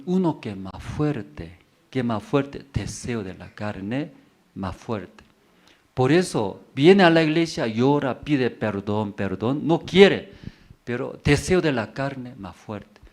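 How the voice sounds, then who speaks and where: Slow, repetitive preaching man. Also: mid-range voice, animated, darkish tone. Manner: repetitive, emphatic, rhetorical questions; simple, broken Spanish grammar. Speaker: pastor. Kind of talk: sermon.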